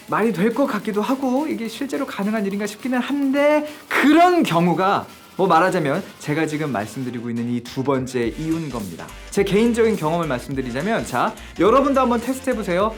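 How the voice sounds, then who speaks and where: An English teacher giving a video lesson, explaining step by step and asking viewers questions along the way. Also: medium pitch.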